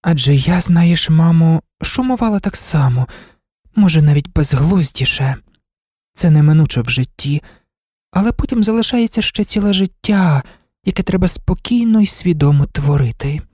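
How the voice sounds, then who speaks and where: A woman voicing a proud, self-assured young daughter who talks things through coolly and calmly. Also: low-pitched, moderate pace, no room sound, studio quality, voice pushed up. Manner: cool, composed, reasoning calmly.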